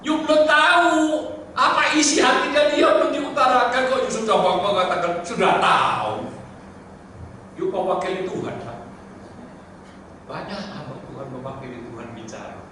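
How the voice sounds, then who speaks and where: An older man with a high voice preaches a seminar sermon. He drops English phrases into his talk and swings from loud, emphatic bursts to low, quiet asides. He is picked up from far off in a very echoey hall over clear background noise. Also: moderate pace. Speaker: pastor teaching a seminar. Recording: very echoey hall, distant mic, noisy.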